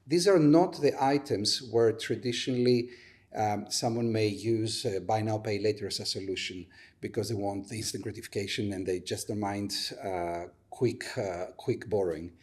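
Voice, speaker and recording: A man's voice: fairly low pitch, normal speed, darkish tone. A man who co-founded a startup, a guest on a podcast, laying out his business model step by step with everyday examples. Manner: methodical, builds points with everyday examples. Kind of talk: explaining a business model in an interview.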